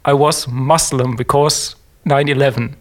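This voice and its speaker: A man's voice: mid-range voice, steady tone. Hesitant German-accented man. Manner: hesitant, many fillers and pauses. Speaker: podcast guest. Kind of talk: casual interview.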